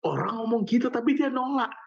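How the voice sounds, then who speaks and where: A young man, leading a casual Bible study for a youth group, chatty and animated, with slangy asides as he tells stories. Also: very high-pitched, brisk, vocal fry, husky. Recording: dull lo-fi recording.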